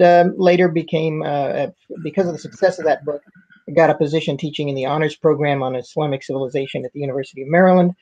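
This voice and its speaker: A man's voice: a little high, darkish tone. An older man on a video call from a wood-panelled room, speaking through a headset mic as a roundtable guest, hesitating often with fillers. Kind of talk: casual discussion. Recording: dull lo-fi call audio.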